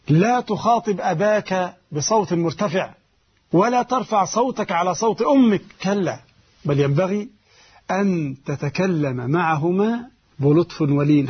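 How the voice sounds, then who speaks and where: A man delivers a sermon in a high, slightly husky voice. He presses his points with slow, emphatic repetition. The recording sounds dull and muffled. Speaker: preacher.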